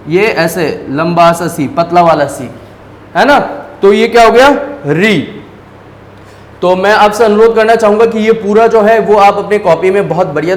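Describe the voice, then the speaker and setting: A man's voice: high voice, echoey room. A man teaching a children's lesson, patiently asking questions and answering them himself. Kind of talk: explaining lesson at a board.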